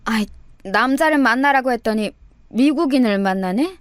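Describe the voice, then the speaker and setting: A woman voicing an exasperated, nagging middle-aged mother who scolds loudly and sighs dramatically. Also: a little high, lively intonation, normal speed, clear, resonant tone, dry recording, lightly acted.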